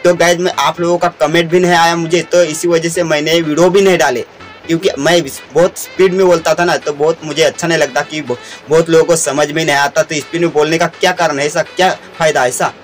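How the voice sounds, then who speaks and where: Young man from india, vlogger, fast repetitive chatter, fairly high voice, faint music behind. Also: steady tone. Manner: rapid, repetitive talk with many restarts. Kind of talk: casual vlog talk to camera.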